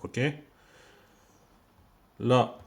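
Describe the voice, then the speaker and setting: A man giving an informal video lesson on Arabic letters, patiently repeating words for learners, recorded on a handheld phone. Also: drawn-out words. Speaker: Arabic teacher.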